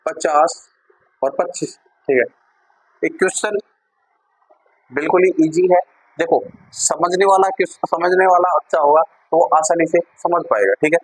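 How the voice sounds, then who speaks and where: Maths teacher guy, husky voice a bit on the high side, keeps asking if everyone gets it. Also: measured pace, pauses often, low-quality recording. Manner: repeats steps, keeps checking in with students. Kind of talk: classroom-style maths lesson.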